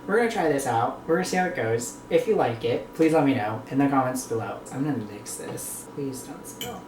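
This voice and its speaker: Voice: mid-range voice, expressive, fairly quick. A North American vlogger chatting casually and reflectively to viewers, rambling between bites while eating. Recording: echoey room with clear background noise.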